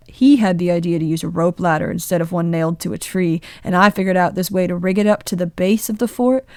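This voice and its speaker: A bashful young man in his twenties, read by a woman in her own lowish voice, telling an old memory in a halting, tender way. The voice is smooth and clear, recorded close and dry. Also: a little mellow, dry recording, lightly acted. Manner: bashful, halting confessional storytelling.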